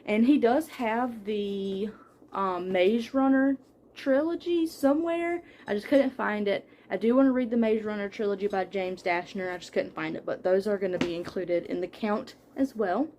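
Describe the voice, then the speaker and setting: A woman's voice: mid-range voice, moderate pace, a little mellow, slight background noise. Chatty woman listing her books. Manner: chatty, listing titles with fillers and small laughs. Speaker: book vlogger. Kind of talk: casual book haul chat. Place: home room with bookshelves.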